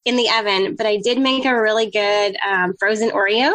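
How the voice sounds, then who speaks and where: A woman's voice: mid-range voice, moderate pace, fairly bright tone, no room sound, low-quality recording. A woman in her thirties from Eastern North Carolina with a Southern accent, co-hosting a podcast in cheerful, giggly casual chat. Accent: Southern American. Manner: giggly, cheerful, laughs often. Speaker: podcast co-host.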